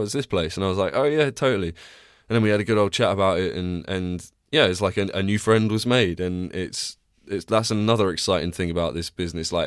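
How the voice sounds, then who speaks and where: Recording in a small, cramped home space, a young podcast host chats casually on his own, rambling and restarting often while sounding tired and congested. He has a deep, smooth voice, captured at studio quality with no room sound.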